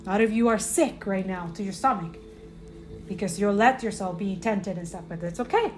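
A woman's voice: medium pitch, normal speed, darkish tone, faint music behind. A woman hosting a spiritual podcast, talking earnestly and rambling with many fillers and restarts, often tagging her points with "right?". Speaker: podcast host.

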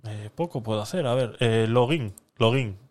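A man's voice: mid-range voice, normal speed, darkish tone. A man hosting a live-stream podcast, chatting casually with viewers while he talks himself through a giveaway. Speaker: livestream podcast host.

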